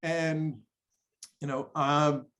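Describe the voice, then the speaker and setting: A man's voice: a little high, little pitch movement, drawn-out words, fairly bright tone. A man hosting a podcast conversation, speaking in an affirming, enthusiastic way. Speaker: podcast host.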